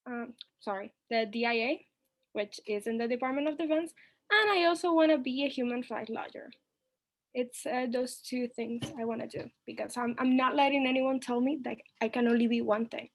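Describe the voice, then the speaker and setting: A woman's voice: fairly high pitch, moderate pace. A young woman student speaking in a determined, emphatic way about her goals on a video call. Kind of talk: self-introduction on a video call.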